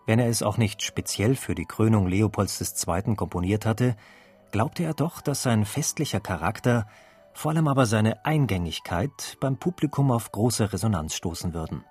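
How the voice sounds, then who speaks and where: A man reading a scripted documentary narration in a measured, even storytelling manner. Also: lowish voice, slightly rough. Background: faint classical music.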